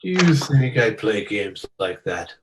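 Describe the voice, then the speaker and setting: In an old-time radio detective drama, a man plays a self-assured, menacing casino boss, terse, commanding and coolly threatening. His voice is on the low side with big pitch swings, delivered at a measured pace over background noise.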